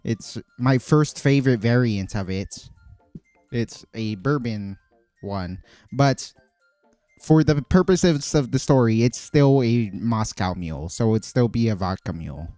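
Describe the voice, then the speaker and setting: A man chatting on a stream in a loose, rambling way, full of fillers and restarts. His voice is mellow and mid-pitched, recorded close and dry with faint music behind him. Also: expressive, a little slow, no echo. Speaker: streamer making cocktails. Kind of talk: casual chat.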